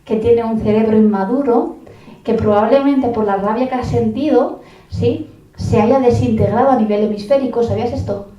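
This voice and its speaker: A woman's voice: mid-range voice, warm tone, muffled recording. Woman lecturing in a roomy hall. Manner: conversational, checks in with listeners often. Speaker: lecturer on parenting. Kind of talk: conference talk. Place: conference hall. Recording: roomy hall, voice from a distant mic.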